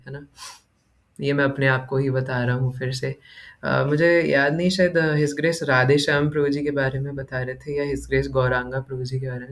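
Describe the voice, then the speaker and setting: A man teaching a devotional scripture class in a conversational way, mixing in English words, reciting verses and often checking in with listeners. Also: fairly high pitch. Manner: keeps asking "है ना?" as a tag question.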